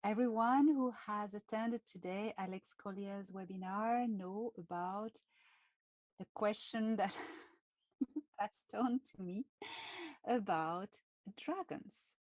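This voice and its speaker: A woman with a French accent, hosting a live stream and talking in a halting way with many pauses and fillers. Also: medium pitch, darkish tone, no room sound. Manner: halting, many fillers and restarts, laughs often. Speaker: channel host.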